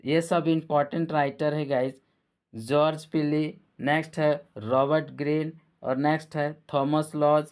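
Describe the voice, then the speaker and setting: A man teaching exam students, going slowly and repeating and correcting names as he goes. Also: a little high, clear, resonant tone. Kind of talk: lecture to students.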